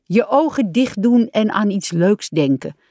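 A woman's voice: medium pitch, animated, a little slow, darkish tone, dry recording, clean studio sound, natural voice. A woman voicing an impatient, bossy male rat in a storybook, stern and eager for adventure.

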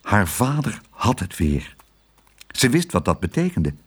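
A man reads a storybook aloud. His voice is husky and swings widely in pitch as he reads. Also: measured pace. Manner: lively, expressive reading. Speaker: narrator. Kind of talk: storybook narration.

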